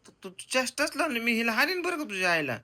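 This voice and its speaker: A man's voice: very high voice, big pitch swings, fast. A young man, scolding and teasing his wife in a comic family vlog. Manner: scolding, teasing, loud and bossy. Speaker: comedian vlogger, husband and father.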